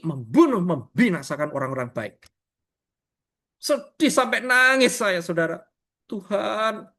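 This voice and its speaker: A man's voice: high voice, fairly bright tone. A man preaching a sermon over a video call, emotional and chatty, laughing often and constantly addressing his listeners. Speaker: pastor. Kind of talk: sermon with personal testimony. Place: online meeting.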